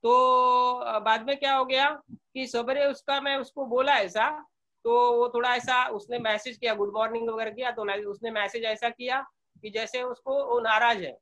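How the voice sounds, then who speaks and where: A middle-aged man giving an informal sales training talk, telling a story in a calm, conversational way, often repeating himself and dropping in English phrases. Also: very high-pitched, normal speed. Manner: calm, repeats words, many filler sounds.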